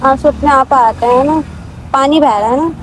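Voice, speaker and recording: A woman's voice: sits high, normal speed, slight background noise, rough recording. A young woman talking a man as she vlogs, pleading and soothing, mixing into her speech and repeating herself often. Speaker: vlogger. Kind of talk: emotional staged vlog conversation.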